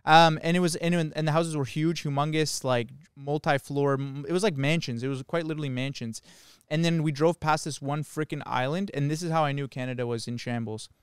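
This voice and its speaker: A man's voice: on the high side, steady tone, fairly quick, clean tone, no room sound, studio quality. A young man chatting casually as a podcast host, telling stories in slangy, exclamatory bursts. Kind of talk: casual joking podcast storytelling.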